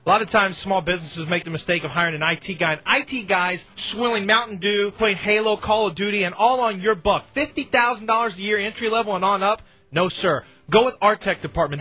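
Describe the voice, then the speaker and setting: A man's voice: high-pitched, sharp tone. A man reading a radio commercial in a wisecracking, salesy way. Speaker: radio co-host reading ads. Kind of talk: live-read radio commercial.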